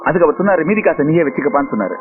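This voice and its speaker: A man's voice: fairly high pitch, sing-song, rapid-fire. A polite young man. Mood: earnest. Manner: polite, deferential, says sir. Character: humble young man pitching a bill-paying idea. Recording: phone-like band with film music.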